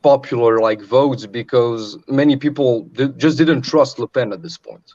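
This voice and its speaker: A man from Serbia joins a webcam call and talks politics at a middling pitch. He rambles, piling up fillers and restarting his sentences. His audio sounds dull and muffled, like a cheap call. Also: normal speed, darkish tone. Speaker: open mic call-in participant. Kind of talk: casual political discussion. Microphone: webcam video call.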